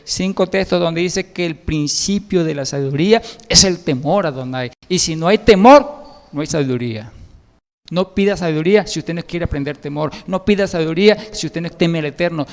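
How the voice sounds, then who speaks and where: A man's voice: a little high, creaky. A man preaching a sermon, emphatic, repeatedly addressing the listeners as brother and rising on key words. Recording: long hall reverb.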